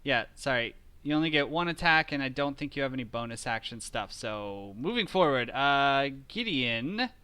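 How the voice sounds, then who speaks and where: Bright, crisp-voiced male game master. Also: mid-range voice, moderate pace, few pauses, dry recording. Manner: relaxed, chuckling, hesitant fillers. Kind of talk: running a tabletop game online.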